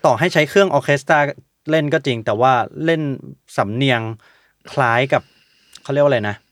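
A young man, a musician guest on a podcast, chatting in a relaxed way and explaining through anecdotes. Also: mid-range voice, fairly quick, dry recording, clean studio sound. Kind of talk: casual conversation.

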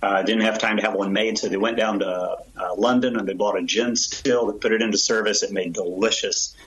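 A man's voice: on the low side, fairly even intonation, brisk, fairly bright tone, poor audio. A man who owns a distillery, explaining his gin process in a casual interview with an enthusiastic, storytelling manner. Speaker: distillery owner.

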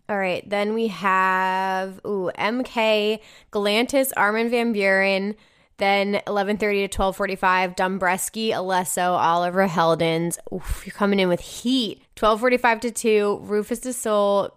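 Reading out emails from listeners, a young female podcast host from New Jersey responds in a gushing, slangy, casual manner and swears now and then. She has a New Jersey American accent and a smooth, medium-pitched voice.

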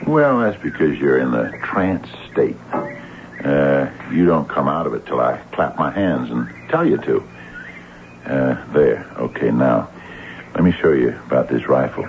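A creaky, very deep hypnotist villain. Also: male voice, expressive, phone-quality sound, exaggerated voice. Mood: hypnotic. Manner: slow, coaxing, hesitant with many uhs. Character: sinister man hypnotizing a young woman. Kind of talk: 1940s radio acting. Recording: scratchy old radio recording with music.

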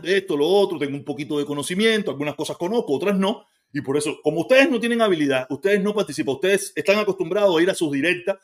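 A man from Cuba with a Cuban accent, hosting a casual livestream and answering viewer comments in a heated, argumentative way. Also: sits high. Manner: heated and argumentative, talks fast and repeats himself. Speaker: livestream host.

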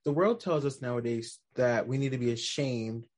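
A man's voice: mid-range voice, moderate pace. A young man, a podcast guest, in casual chat who fires off rhetorical questions.

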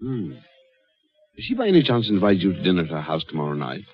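Intense, animated police inspector, old radio. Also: male voice, deep voice, fast talker, slightly rough, full character voice. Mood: urgent, probing. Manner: insistent questioning, excitable. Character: intense, probing Scotland Yard detective inspector. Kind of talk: 1940s radio acting. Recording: dull old radio recording, some noise.

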